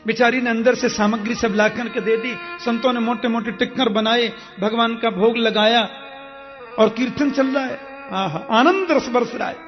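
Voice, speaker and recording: A man with a high voice preaches a devotional story, dramatically acting out each character as he narrates. The recording sounds dull and lo-fi, with faint music underneath. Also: normal speed. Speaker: kathavachak preacher.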